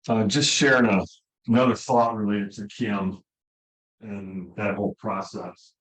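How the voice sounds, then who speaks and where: Low-voiced man, volume dropping in and out. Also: steady tone, measured pace, a bit bright, low-quality recording. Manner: earnest, conversational, with restarts. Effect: uneven volume, audio cutting in and out. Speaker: caller sharing advice. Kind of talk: casual call-in chat. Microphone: remote call audio.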